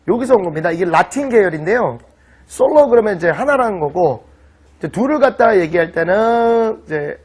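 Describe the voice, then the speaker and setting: A middle-aged man teaching an online vocabulary lecture in an animated, teasing way, often checking that students follow. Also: sits high, breathy edge. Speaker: English teacher.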